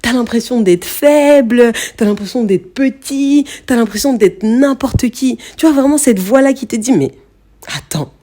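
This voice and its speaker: A woman's voice: fairly high pitch, unhurried, dark tone. A young woman hosting a podcast, talking straight to the listener in a casual motivational monologue, with many fillers and repeated words. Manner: speaks directly to the listener, frequent fillers and repetitions. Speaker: podcast host.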